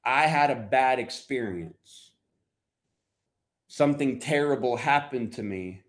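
An American man preaching a sermon in a booming motivational style, emphatic and conversational, with dramatic pauses. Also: lively intonation.

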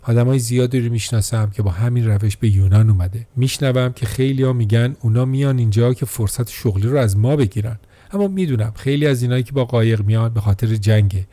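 A man reading a scripted documentary narration in a steady, measured way. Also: medium pitch, dry recording.

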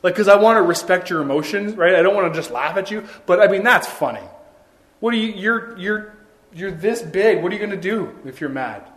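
Earnest high-voiced male preacher. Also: expressive, a little fast, fairly bright tone. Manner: conversational, earnest preaching with frequent restarts and asides. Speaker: pastor. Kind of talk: sermon.

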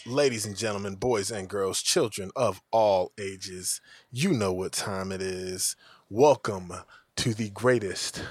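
A man playing a bombastic circus ringmaster, announcing a show in grand, drawn-out phrases. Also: lowish voice, a little mellow, breathy edge. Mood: grandiose. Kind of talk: mock circus show introduction.

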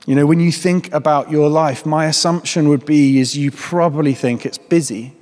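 A vicar giving a casual, joking sermon full of fillers and restarts. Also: male voice, fairly high pitch, steady tone, normal speed, darkish tone, long reverb tail. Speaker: Church of England vicar.

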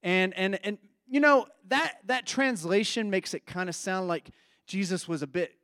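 A man's voice: high voice, normal speed, fairly bright tone, no room sound, studio quality. A man preaching a reflective, conversational sermon.

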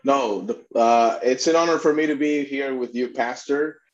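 A man's voice: mid-range voice, normal speed, lo-fi sound. A middle-aged man from Puerto Rico, an immigration attorney and advocate, telling his story in an earnest interview with many restarts. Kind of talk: conversational interview.

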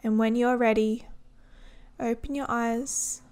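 A woman leading a guided body-scan meditation in a gentle, soothing manner, giving instructions in short, unhurried phrases. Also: on the high side, steady tone, smooth.

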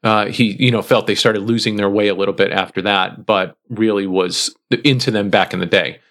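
A low-voiced man, a podcast co-host, reads listener feedback aloud in casual chat. He sounds relaxed and pauses with many "uh"s as he reads.

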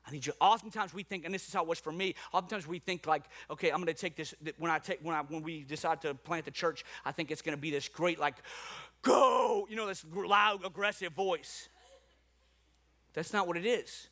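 A man's voice: fairly high pitch, steady tone, brisk, bright, forceful tone. A man from New Orleans preaching a sermon as a pastor, with rhetorical questions and repetition. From New Orleans, USA.

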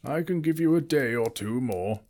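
Wise, commanding old wizard, read by a man: pitched well above his own voice, emphatic. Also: lively intonation, moderate pace, a little mellow, natural voice. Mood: practical.

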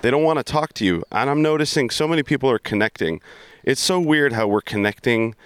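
A man's voice: mid-range voice, a little fast, clear, resonant tone. A man hosting a casual podcast while walking outdoors, talking upbeat and chatty into a handheld mic. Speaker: podcast host. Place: outdoors on a neighborhood walk.

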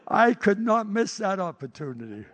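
A male pastor preaching a sermon, telling stories with animated delivery and frequent repeated words. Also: fairly high pitch.

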